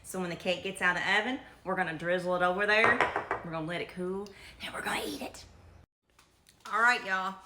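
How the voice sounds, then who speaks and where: A fast-talking middle-aged woman with a fairly low voice and a Kentucky accent demonstrates a recipe in her home kitchen, chatting folksily and homespun. She hails from Kentucky, United States, and the indoor recording is echoey with faint noise.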